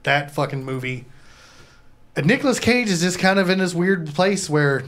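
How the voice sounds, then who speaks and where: A man's voice: sits high, expressive, normal speed, fairly bright tone. A man hosting a livestream with casual, joking, profane banter. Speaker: show host.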